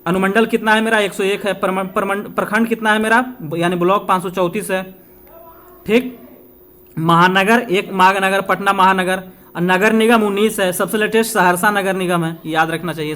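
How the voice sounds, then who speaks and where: Speaking in a voice that sits high and sounds a little bright, an Indian man teaches exam revision informally. He repeats himself, answers his own questions, and checks in with listeners in a chatty way.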